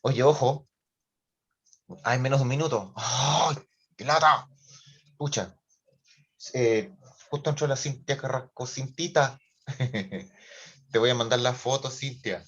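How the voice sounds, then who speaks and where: A man with a Chilean accent teaching an online class, talking in an animated, joking, colloquial way over a video call. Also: medium pitch, takes it slowly, pauses often, breathy edge, highs cut off.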